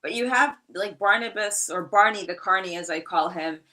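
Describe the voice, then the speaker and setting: A woman's voice: mid-range voice, moderate pace, sharp tone, rough recording. A middle-aged woman guest chatting casually on a wrestling podcast, brash, joking and candid.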